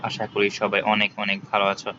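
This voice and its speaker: A man's voice: lowish voice, completely flat delivery, fast. A man teaching English pronunciation in a casual lesson, talking straight to his viewers and repeating example words to drill each sound. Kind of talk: casual spoken lesson, addressing viewers informally. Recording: slightly dull with faint background noise.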